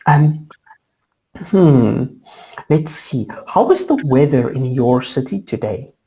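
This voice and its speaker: A woman's voice: rumbling low, lively intonation, slow pace, mellow. A woman from South Africa with a South African accent, tutoring English in a chatty, upbeat way over a video call, often saying "alrighty". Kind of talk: online lesson chat.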